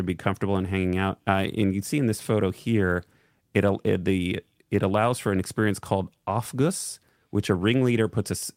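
A man co-hosting a radio talk show, reading odd news stories aloud with playful mock excitement. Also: lowish voice, no room sound, clean studio sound. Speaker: radio co-host. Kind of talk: casual news banter.

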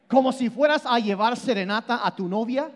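A man preaching a sermon, animated and emphatic, often repeating and restarting his words as he explains. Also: normal speed. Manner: animated, shifts between loud emphasis and low intensity. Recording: long hall reverb.

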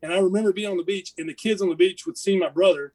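A man's voice: sits high, fairly even intonation, very fast, a little mellow, low-quality recording. A man with an Appalachian accent, a podcast guest telling casual stories about a mission trip in a rambling, self-correcting way. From United States. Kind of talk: casual storytelling.

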